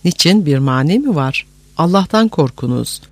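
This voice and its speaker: A man voicing a cruel, contemptuous Mongol prince who barks orders in an audiobook, in a higher, forceful voice. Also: expressive, moderate pace, no room sound. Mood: cruel, commanding. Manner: mocking, commanding, contemptuous. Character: cruel gloating Mongol prince, commanding conqueror. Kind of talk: audiobook character voice.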